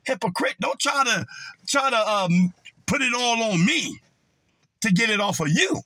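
A man's voice: very high-pitched, expressive, a little slow, pushed and bright, dry recording. A man, scolding and preachy, quoting scripture in a confrontational video rant. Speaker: online commentator.

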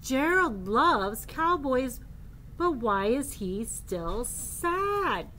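Soft woman reading picture books aloud. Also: high-pitched, sing-song, very slow, slight background noise. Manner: gentle, soft, asks the listener questions. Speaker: children's storyteller.

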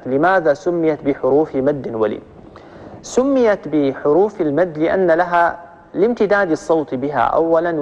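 A man with a Libyan accent teaching tajweed rules in a religious lesson, explaining step by step, repeating each rule and drawing out the example words slowly. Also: on the high side, big-room sound, dull audio. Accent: Libyan Arabic. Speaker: Quran recitation teacher.

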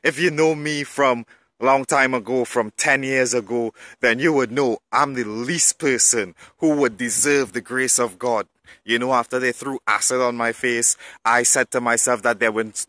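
A man's voice: mid-range voice, steady tone, normal speed, sharp tone, no room sound. A man telling his personal faith testimony in an earnest, emotional way, moving from storytelling into preaching.

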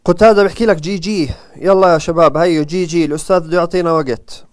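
Jordanian male co-host reading comments; playful, rapid delivery, raised pitch. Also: steady tone. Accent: Jordanian Arabic. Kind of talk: live stream chat.

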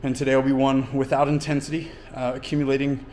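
Casual male fitness coach vlogging, winded, middle pitch. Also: completely flat delivery, fast talker, a little mellow, a little hiss or hum. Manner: explains training plainly between efforts, with fillers. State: out of breath. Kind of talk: casual workout vlog talk. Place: home gym and outdoors in winter.

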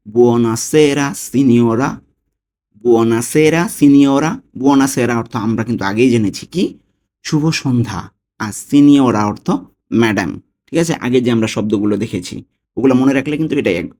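A man's voice: mid-range voice, darkish tone. Patient male language teacher. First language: Bengali. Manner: patient, repeats each word slowly and checks in with "okay?". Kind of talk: step-by-step language lesson.

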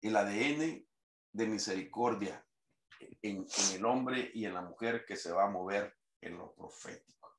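A man's voice: fairly low pitch, unhurried, fairly bright tone, reverberant. A man preaching a sermon, quoting scripture in a raised reading voice. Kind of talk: sermon teaching.

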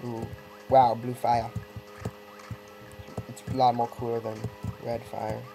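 A man's voice: medium pitch, monotone, takes it slowly, low-quality recording. A man giving casual, rambling gameplay commentary, breaking off mid-thought with wry asides. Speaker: let's play gamer. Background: faint game music.

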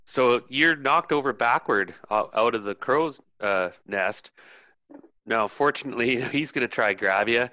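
A man's voice: medium pitch, unhurried, bright, forceful tone, dry recording. A man narrating a tabletop role-playing game as game master, in a loose chatty way.

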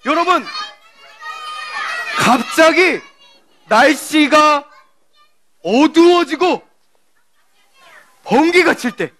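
A woman serving as a children's pastor gives an animated children's sermon. She tells a story, asks the children questions and acts out the scenes. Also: high voice, drawn-out words, pauses often, a faint crowd.

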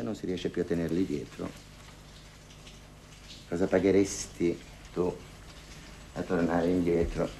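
A man's voice: low-pitched, creaky, warm tone, slight background noise. An actor playing a lonely older woman who gossips and haggles on the phone in a theatrical monologue, sighing and wryly complaining. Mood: reflective. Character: lonely, wry older woman hiring a dance partner.

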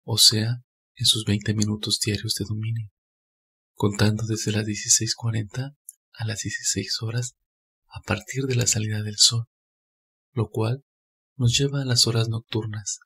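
A man calmly reading a scripted spiritual narration in a measured, steady way. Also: fairly low pitch, gravelly, breathy edge.

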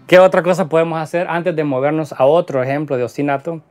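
A man's voice: a little high, steady tone, fast talker. A man teaching a guitar lesson in Spanish, explaining rhythm patterns and counting beats aloud as he plays. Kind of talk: instructional lesson. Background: guitar playing.

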